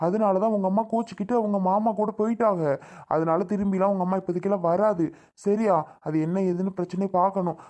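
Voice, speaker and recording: An impatient father, played by a man, keeps lecturing his small daughter in rapid, irritated talk. He threatens her more and more as his patience wears thin. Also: high voice, darkish tone, close to an everyday voice. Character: stern, impatient young father.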